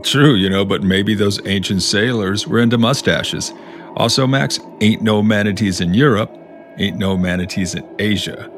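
Low-voiced wisecracking man co-host. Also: normal speed, soft background music. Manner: wisecracking, teasing. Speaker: podcast co-host. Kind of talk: casual banter.

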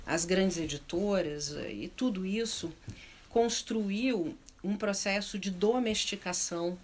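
Speaking slowly at a medium pitch, this middle-aged panelist on arts and culture has a southern Brazilian accent. Her unscripted remarks are thoughtful, and she frequently searches for words and reworks her phrasing.

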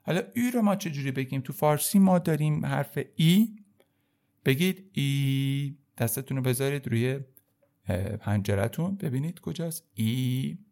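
A man teaching the French alphabet in a casual spoken lesson, addressing his viewers warmly as kids and repeating each sound slowly. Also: a little high, lively intonation.

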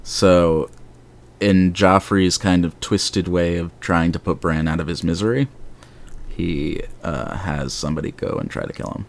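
Deep male podcast host, casual fan-chat delivery, rambling and animated. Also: a little slow.

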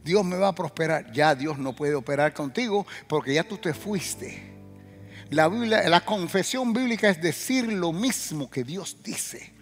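A man preaching a sermon as pastor, calling out questions to the congregation and breaking into loud, rising bursts. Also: a little high, animated, measured pace, in a large hall, soft background music.

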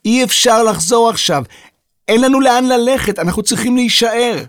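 Man voicing a young boy, curious, polite, raised pitch, dry sound. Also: wildly swooping pitch, slightly rough, no room sound, exaggerated voice. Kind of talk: children's audio story.

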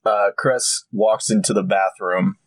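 A man's voice: on the low side, fairly even intonation, a little slow, slightly rough, no room sound. A man describing his character in a tabletop game, rambling with lots of fillers. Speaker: player.

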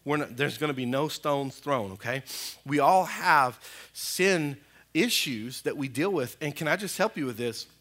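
A man, a pastor preaching a sermon in a church in a lively, conversational way with frequent asides to the congregation. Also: fairly high pitch, unhurried. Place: church sanctuary.

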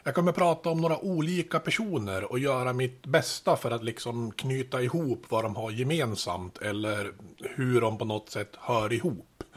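A man hosting a podcast, telling history in a relaxed, chatty way with casual asides. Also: mid-range voice. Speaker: podcast host.

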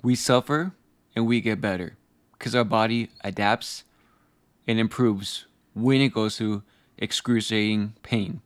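A man delivering a motivational speech as a speaker, blunt and forceful, hammering out short emphatic phrases. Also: on the low side, unhurried, no echo.

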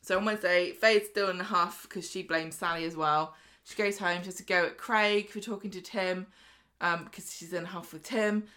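A woman's voice: lowish voice, fairly even intonation, bright, forceful tone. A woman co-hosting a podcast, chatting casually about a soap opera and acting out the characters' lines. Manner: chatty, acts out characters' lines in quick voices. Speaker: podcast co-host. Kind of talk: casual chat recapping a soap.

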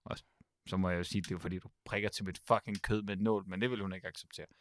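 A man's voice: deep voice, fairly even intonation, no room sound. A man hosting a casual comedy podcast, talking with lots of fillers and laughing often. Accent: Danish. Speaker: podcast host.

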